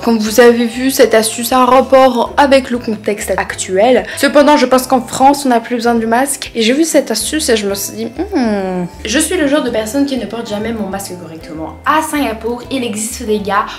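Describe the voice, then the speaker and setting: A young woman talks casually on camera, full of self-mocking asides. Her voice sits a little high and bounces off the walls of a roomy space. Soft music plays underneath. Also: normal speed, hardly any pauses. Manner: chatty, self-mocking commentary. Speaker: vlogger testing tips. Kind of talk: casual vlog chat. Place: at home, later a bathroom. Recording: roomy room with faint music.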